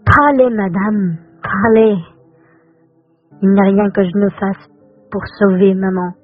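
A man's voice: sits high, steady tone, slow pace, soft background music. A man voicing a poor, devoted young boy who pleads earnestly in an old radio drama. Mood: anxious. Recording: muffled old lo-fi radio recording.

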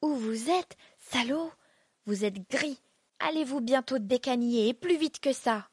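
A woman's voice: high voice, a little slow, husky, no echo. A woman reading aloud, voicing a furious old cleaning woman who scolds coarsely. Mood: scolding.

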